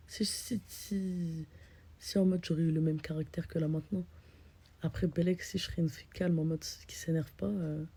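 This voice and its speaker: A young woman vlogging to her phone, ranting bluntly in slangy casual chat with a low, deep voice, often dropping to a whisper. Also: mellow, husky. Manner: blunt, ranting, slangy, addresses "les filles".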